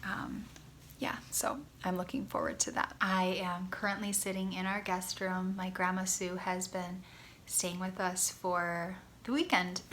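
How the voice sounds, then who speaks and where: A woman with a slightly low, stuffy voice chats enthusiastically about her knitting plans from a guest bedroom. She is a little congested and fills her talk with ums. Faint background hiss sits under her voice. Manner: enthusiastic, gushing, frequent ums. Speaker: knitting podcast host. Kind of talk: casual knitting vlog chat.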